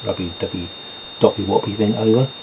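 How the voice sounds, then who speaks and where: Talking fairly quickly in a fairly low voice with vocal fry, a man chats in a rambling, casual way while doing his makeup at home. He makes self-deprecating comments, and the home recording sounds dull, lo-fi, and noisy.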